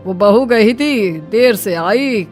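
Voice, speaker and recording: A woman voicing a patient, gentle older mother-in-law in a cartoon story, plaintive and soft. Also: medium pitch, expressive, slow, faint music behind. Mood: weary.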